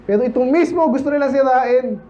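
A man's voice: very high-pitched, brisk, mellow, muffled recording. A man with a Filipino accent preaching a Baptist sermon in church, chatting with the congregation and asking "Amen?" and often acting out voices. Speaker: pastor.

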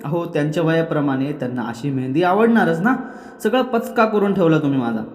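A man's voice: fairly high pitch, lively intonation, fairly quick, reverberant, long reverb tail, close to an everyday voice. A man voicing a sulky young wife who whines and complains. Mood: whiny. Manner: whining, complaining.

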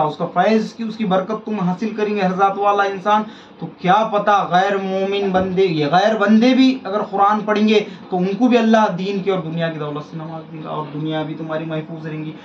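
High-voiced man preaching, echoey lo-fi. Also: a little hiss or hum. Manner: exhorting, repeats phrases for emphasis. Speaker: faith healer preacher. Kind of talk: preaching to listeners. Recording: echoey lo-fi room with faint ambience.

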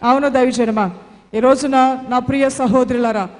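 Fervent high-voiced woman preacher, hall reverb. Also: steady tone, normal speed, a little mellow. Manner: fervent, repetitive exhortation. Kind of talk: sermon.

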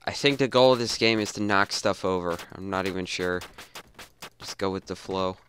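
A young man giving goofy, rambling commentary over a game he plays, mumbling low asides and then yelping, on a desk mic. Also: moderate pace, fairly bright tone, slight background noise. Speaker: gamer. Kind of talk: casual let's-play commentary.

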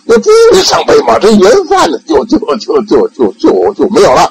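A man's voice: high voice, wildly swooping pitch, a little fast, vocal fry, a little hiss or hum, voice pushed up, exaggerated voice, rough recording. An old man playing a patient Zen master. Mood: insistent.

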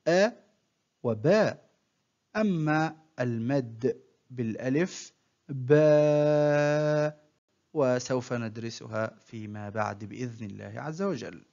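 A man teaching children to read, spelling out words sound by sound in a slow, patient way and praising the learner often. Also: mid-range voice, animated, creaky, highs cut off. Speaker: primary school Arabic teacher. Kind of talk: recorded reading lesson for children.

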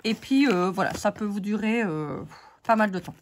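French woman, voice going hoarse, casual crafting host talking to her viewers. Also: mid-range voice, moderate pace, slight background noise. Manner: chatty, many fillers, talks to viewers. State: losing her voice. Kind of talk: casual craft haul chat.

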